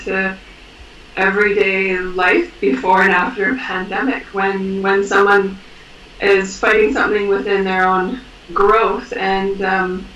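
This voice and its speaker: Bright-voiced Canadian woman far from mic. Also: mid-range voice, reverberant, muffled recording, a little hiss or hum. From British Columbia, Canada. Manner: hesitant, with fillers and soft laughs. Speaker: roundtable guest. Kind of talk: casual conversation.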